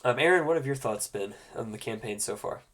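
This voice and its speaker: Sounding nasal and congested from a cold, a man acts as game master for a tabletop roleplaying game, explaining things in a loose, halting way. His mid-range voice has lively intonation and is a bit bright.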